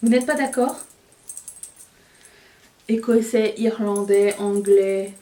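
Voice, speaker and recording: A woman's voice: mid-range voice, steady tone, slow, mellow, reverberant, distant mic. Chatty woman doing her makeup. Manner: chatty, self-mocking, talks while applying makeup. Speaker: beauty vlogger. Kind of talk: casual makeup tutorial chat.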